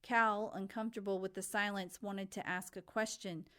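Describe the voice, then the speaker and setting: A woman's voice: medium pitch, fairly even intonation, normal speed, pushed and bright. Woman narrating a novel, plain reading. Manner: plain reading with small self-corrections. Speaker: audiobook narrator.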